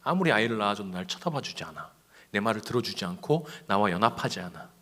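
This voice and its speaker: A middle-aged man, a pastor, preaching a sermon in a church, moving between loud emphasis and soft whispers. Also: on the low side, very animated, fast. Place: church sanctuary.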